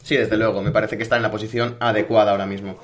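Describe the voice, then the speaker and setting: A man hosting a casual podcast, talking quickly and energetically as he reads out listener questions. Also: on the low side, level tone. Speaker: podcast host. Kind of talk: casual wrestling podcast chat.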